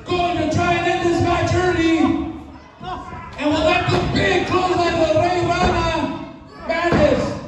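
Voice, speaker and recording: A man calling excited, emphatic play-by-play as a lucha libre announcer, with drawn-out calls. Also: extremely high pitch. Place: large indoor wrestling hall with audience. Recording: echoey hall PA from far off, crowd noise. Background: crowd.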